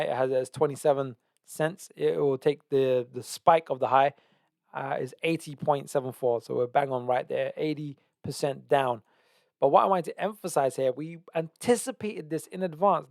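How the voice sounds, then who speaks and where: Man, trading educator, gravelly, slightly high voice, emphatic, repeats himself, dry sound. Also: normal speed, darkish tone, no room sound. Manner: emphatic, repeats key words, asks "right?". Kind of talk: screen-share market analysis.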